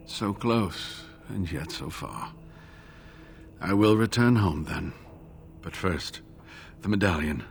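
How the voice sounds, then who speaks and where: A male actor voices a weary, earnest scholar in a fantasy video game, delivering lines in a measured, formal and rueful manner. His low voice is animated and creaky, the performance heavily acted, with a slight hiss or hum present.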